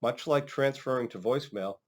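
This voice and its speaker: A man's voice: medium pitch, fairly quick, darkish tone, a little hiss or hum. A man working as a trainer, narrating an instructional demonstration in a casual, step-by-step way. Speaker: phone system trainer.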